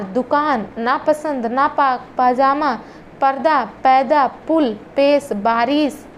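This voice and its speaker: Over slight background noise, a woman whose voice sits high and sounds fairly bright leads an exam-prep lesson. Her approach is to read long lists of words slowly, pausing for brief explanations.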